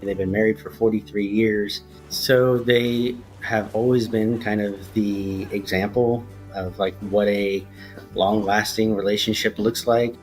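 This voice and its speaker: Low-voiced man from Texas in his thirties. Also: steady tone, unhurried, soft background music. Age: 30s. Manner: casual, with frequent ums. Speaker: interviewee, son. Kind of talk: documentary interview.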